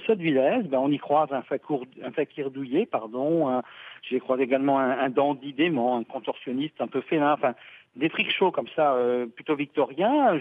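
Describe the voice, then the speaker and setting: A man's voice: fairly high pitch, no room sound. Enthusiastic man reporting over a tinny phone line. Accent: northern French mixed with Parisian. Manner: enthusiastic, chatty, with many fillers and restarts. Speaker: culture reporter. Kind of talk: live phone report on radio. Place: outdoors at a street festival, stepped aside from the crowd.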